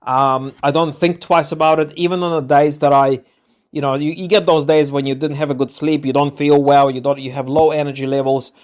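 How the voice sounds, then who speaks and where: A man's voice: a little high, level tone, brisk. A middle-aged man from Ukraine telling a personal story on his podcast, hesitant, with many fillers and restarts. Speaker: podcast host. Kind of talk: personal story, casual monologue.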